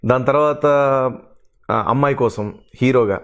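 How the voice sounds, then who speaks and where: Here a middle-aged man, both actor and mimicry artist, talks a little slowly at medium pitch. The interview is emotional: he comes across as sincere and wounded, reciting his many roles one after another.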